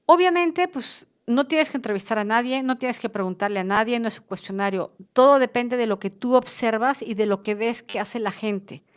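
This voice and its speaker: Lively woman teaching. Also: fairly high pitch, moderate pace, hardly any pauses, smooth. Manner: lively, acts out quoted speakers in changed voices. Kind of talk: online class lecture. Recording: dull lo-fi sound.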